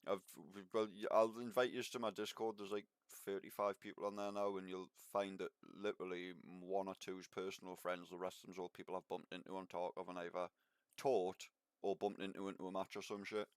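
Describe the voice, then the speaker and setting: A man's voice: low-pitched, flat delivery, brisk, clean tone, dry recording, studio quality. A man from Northumberland with a mixed Northumbrian and Geordie accent, talkative, laid-back and sweary, chatting casually while gaming online. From Northumberland, England. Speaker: game streamer.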